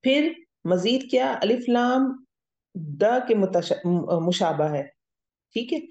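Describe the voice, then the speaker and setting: Female grammar lecturer, patient stepwise explainer, dark tone. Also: medium pitch, lively intonation, takes it slowly. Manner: explains step by step, checks understanding with "theek hai?". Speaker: Arabic grammar teacher. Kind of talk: recorded classroom lecture. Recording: dull lo-fi audio.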